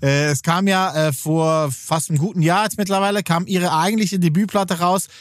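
An easygoing man co-hosts a casual music podcast and chimes in with short, agreeable replies. His voice sits a little high for a man. The recording is dry and close. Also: steady tone, normal speed, no echo. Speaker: podcast co-host.

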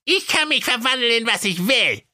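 A man's voice: big pitch swings, moderate pace, pushed and bright, no room sound, studio quality, exaggerated voice. A man voicing a vain, boastful evil wizard who sneers in a comic fairy-tale reading. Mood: scornful boastful. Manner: shrill, scornful and boastful.

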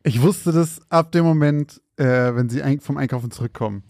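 A man's voice: medium pitch, normal speed, a little mellow, no echo, studio quality. A man chatting casually as a podcast co-host, rambling with restarts. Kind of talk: casual chat.

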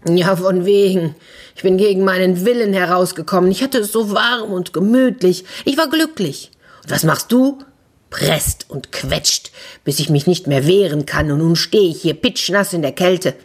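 A woman's voice: sits low, measured pace, breathy edge, exaggerated voice. A woman voicing an old man who is a fart come to life, squawky and indignant.

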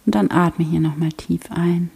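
A woman guiding a prayer meditation in a soft, slow, half-whispered voice. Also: fairly low pitch, fairly even intonation, creaky, husky. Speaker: prayer guide.

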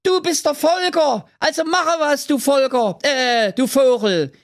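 A man voicing an angry crowd of fairy-tale common folk shouting protest chants. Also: very high-pitched, measured pace, pitched above the performer's own voice.

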